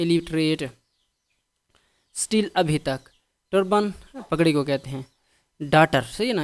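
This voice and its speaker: A man's voice: on the high side, smooth. A man with a Pakistani accent teaching English vocabulary, patiently repeating each word with its meaning. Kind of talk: vocabulary lesson.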